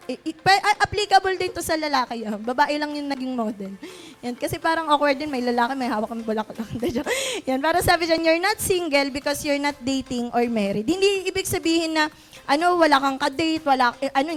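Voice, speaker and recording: A young woman with a high voice gives a relaxed talk to a youth church crowd. She chats along loosely, filling pauses and tossing in quick asides, and she laughs easily between points. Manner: chatty, many fillers, frequent "di ba?" asides, laughs often. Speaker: youth conference speaker.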